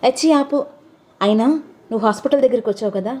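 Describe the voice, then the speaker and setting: A woman's voice: on the high side, quick pace, a little mellow, close to an everyday voice. A woman voicing a stern, impatient young husband who speaks in curt, demanding questions.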